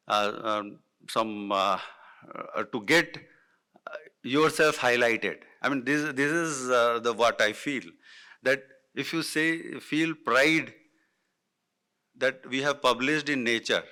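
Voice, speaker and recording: A middle-aged man from north India whose native language is Hindi gives unscripted panel remarks in Hindi-influenced Indian English. His medium-pitched voice sounds sharp and clean. He speaks haltingly, with many fillers and restarts.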